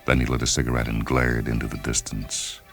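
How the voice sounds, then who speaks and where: With an extraordinarily deep, bottom-register voice, a man narrates a scripted dramatic story briskly and with little pitch movement. Faint music plays under his reading.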